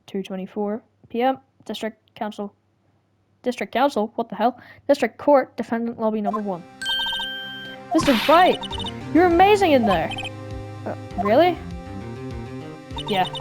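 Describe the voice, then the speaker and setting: A woman's voice: on the high side, animated, normal speed, pauses often, over music. A woman reading every character of a courtroom game herself, joking and stumbling between lines. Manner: jokey, stumbles and laughs at herself, does put-on voices. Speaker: fan dub reader voicing every character. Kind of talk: playful solo game dub with asides.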